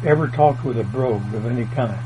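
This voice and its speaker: On a dull, humming lo-fi tape, an elderly interviewee meanders through his family's history in folksy country speech. He talks briskly with a warm, mid-range voice.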